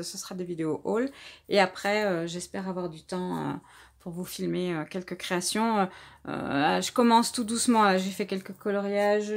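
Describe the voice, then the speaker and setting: A woman vlogger from France casually showing her new craft supplies, talking hesitantly with many pauses and restarts. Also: mid-range voice. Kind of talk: casual haul presentation.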